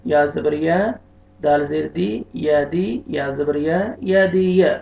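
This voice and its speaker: Slow, methodical Quran reading teacher. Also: male voice, a little high, creaky, lo-fi sound. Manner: spells letters and vowels slowly, then explains rules in quicker, quieter asides. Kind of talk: slow spelled-out recitation lesson.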